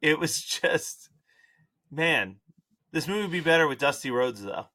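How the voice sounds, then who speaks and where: A man's voice: on the high side, lively intonation, measured pace, sharp tone. A man guesting on a podcast, bantering playfully about a movie in casual chat.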